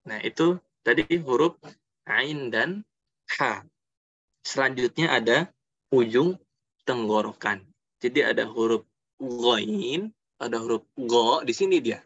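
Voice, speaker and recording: A man's voice: mid-range voice, a bit bright, highs cut off. A man teaching Quran recitation in a casual webinar lesson, repeating letter sounds to demonstrate them. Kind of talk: webinar lesson on tajwid pronunciation.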